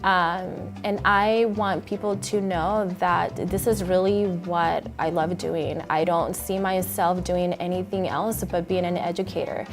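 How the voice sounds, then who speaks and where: A woman from Puerto Rico, a high school Spanish teacher, speaking earnestly in an interview with frequent pauses and fillers. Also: steady tone. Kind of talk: interview talking about teaching. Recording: music playing underneath.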